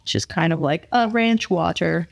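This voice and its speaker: A woman's voice: lowish voice, normal speed, creaky. Woman bantering casually, rambling and jokey. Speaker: host of a drink taste test. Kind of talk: casual unscripted banter while tasting drinks.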